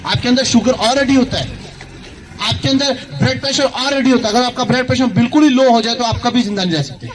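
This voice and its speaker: A man's voice: very high voice, fairly quick, a crowd in the background. A male pastor preaching a sermon, asking the congregation questions and calling out hallelujah and thank you Jesus. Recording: loud background noise.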